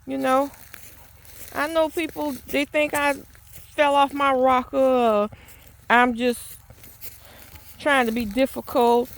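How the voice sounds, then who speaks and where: This is an outdoor vlog monologue: a woman in a rural garden or yard addresses the camera, earnest and fed up, with a preachy edge and repeated restarts. She talks slowly with long pauses, her high-pitched voice holding a steady tone.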